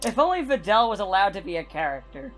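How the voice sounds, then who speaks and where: A woman casually commenting on a fighting game as she plays, animated and swearing freely. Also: medium pitch, quick pace, over music. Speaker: let's play commentator. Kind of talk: casual gaming chat.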